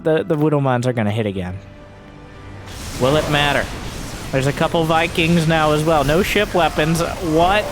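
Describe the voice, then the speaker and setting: Male, fairly high voice, esports caster, live play-by-play, animated exclamations, faint music underneath. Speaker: esports match commentator. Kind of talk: live play-by-play game commentary. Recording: music behind the voice.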